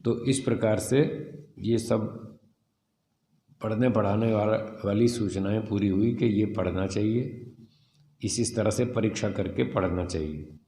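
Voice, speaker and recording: A man teaching a scripture class, reading a passage and explaining it slowly, sounding out letters one by one. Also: fairly low pitch, mellow, reverberant, long reverb tail, slight background noise. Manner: slow, deliberate, spells out sounds and letters. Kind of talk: explanatory lesson reading and commenting on a text.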